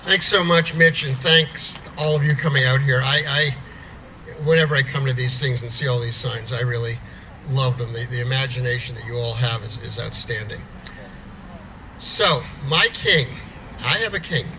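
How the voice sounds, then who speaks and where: Bright-voiced man giving a rally speech. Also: medium pitch, moderate pace, a little hiss or hum, poor audio. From United States. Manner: plainspoken storyteller with repeated restarts. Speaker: rally speaker. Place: outdoor rally.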